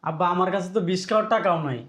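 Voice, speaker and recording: A man's voice: high voice, very fast, a bit bright, reverberant. A man playing a son-in-law in a Bangladeshi short drama, pleading with his father-in-law and demanding his money.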